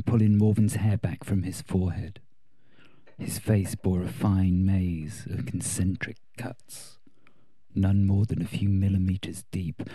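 A man narrating a story in a measured, steady audiobook style. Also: sits low, husky, no echo.

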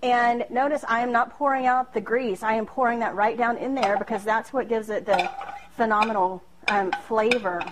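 On the high side and fairly even in intonation, this woman's voice moves at normal speed as she, in her thirties, hosts a casual cooking demonstration in her small kitchen at home. The camera records from across the room against a noisy background, catching her chatty, self-deprecating talk full of fillers and laughs.

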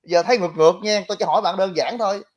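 Blunt high-voiced man. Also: rapid-fire. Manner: blunt, mocking, talks to viewers directly. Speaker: livestream commentator. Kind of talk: casual political commentary.

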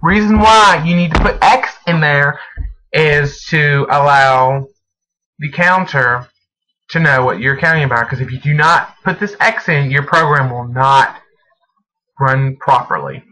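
A man narrating a step-by-step programming screencast, speaking in halting, deliberate phrases as if dictating while he types. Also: a little high, bright, forceful tone. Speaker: programming tutorial presenter. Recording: noisy home recording with mouse and key clicks. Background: clear background noise, clicking.

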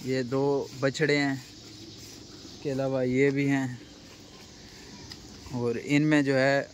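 A man's voice: medium pitch, level tone, slow pace, slight background noise. A young man from Pakistan vlogging a casual walking tour of a cattle farm, guiding viewers and asking the workers questions. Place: outdoor rural cattle farm.

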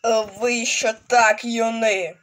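A woman voicing a crazed, gloating male mad scientist professor in an amateur toy animation, speaking haltingly. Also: a little high, steady tone, a bit bright. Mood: indignant, gloating. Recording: noisy home recording with clicks.

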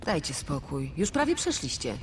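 An actor playing a helpful companion in a video game, calling out observations. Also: male voice, a little high, huge pitch swings, normal speed. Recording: distant voice in loud ambient noise.

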